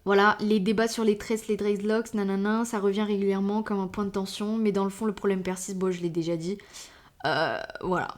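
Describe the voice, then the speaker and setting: A woman's voice: mid-range voice, fairly even intonation, brisk. Woman podcaster just chatting solo, lots of ums and slang, kinda hesitant but sure of her opinions. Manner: hesitant, many fillers and slang tags; opinionated, thinking aloud. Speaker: podcast host. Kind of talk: casual solo podcast talk.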